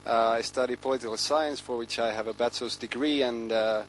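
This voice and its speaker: Twenties Finnish-accented man, formal intro, mid pitch, faint hum. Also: fairly even intonation, a little fast, rough recording. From Finland. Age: 20s. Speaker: party board member.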